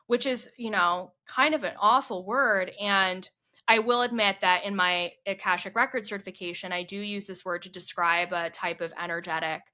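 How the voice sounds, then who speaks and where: A young woman speaks candidly to camera as a spiritual coach recounting her own story. Her voice is bright and crisp at a middle pitch. She talks in a loose, conversational way, peppered with "like" and "you know".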